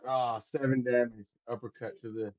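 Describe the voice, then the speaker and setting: A man's voice: medium pitch, level tone, normal speed. A man plays a tabletop game over a voice call, his sound thin and phone-like. He talks in loose, rambling bursts and keeps restarting as he counts up damage. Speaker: player. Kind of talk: casual tabletop play. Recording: tinny call audio.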